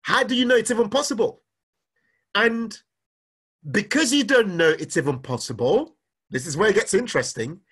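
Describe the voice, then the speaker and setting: A man's voice: high-pitched, moderate pace, pauses often, husky. A middle-aged man giving a live-streamed talk on personal finance, reading out viewers' comments and firing questions at them with lots of repetition. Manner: energetic, repeats questions, reads comments aloud. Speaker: finance speaker.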